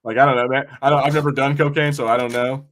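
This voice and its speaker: A podcast co-host with a mid-range voice and a fairly bright tone talks fast but flatly. He rambles through casual watch-party banter and commentary, wry and full of swearing.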